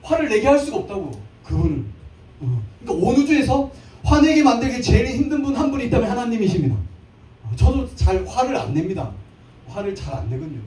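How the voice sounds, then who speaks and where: A man's voice: very high voice, very animated, fast talker, warm tone. A man in his thirties preaching a live church sermon, playful, with jokes and little acted scenes. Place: church sanctuary. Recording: echoey church hall from a distant mic.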